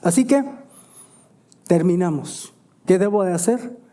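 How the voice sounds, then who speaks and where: A male pastor preaching a sermon, asking emphatic questions and answering them quietly, often adding "¿verdad?". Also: high-pitched, expressive, measured pace. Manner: stops to self-correct and ask "¿verdad?".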